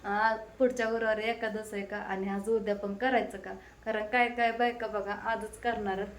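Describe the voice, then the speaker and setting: A woman's voice: mid-range voice, little pitch movement, normal speed, slight background noise. A woman in her thirties, a mother chatting casually to her viewers while doing chores at home. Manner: chatty, talks straight to viewers while busy. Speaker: mother and vlogger. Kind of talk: casual home vlog chat. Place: home, kitchen. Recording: echoey room.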